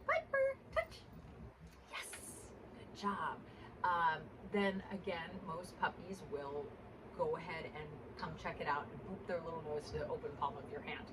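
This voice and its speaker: A woman's voice: deep voice, steady tone, normal speed. A woman working as a dog trainer, explaining a puppy exercise in an informal instructional demonstration. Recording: distant mic, clear background noise.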